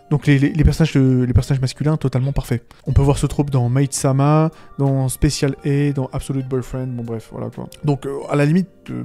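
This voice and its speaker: A man's voice: mid-range voice, dark tone. A young man giving casual, sarcastic commentary on anime, laughing often and trailing off into fillers and restarts.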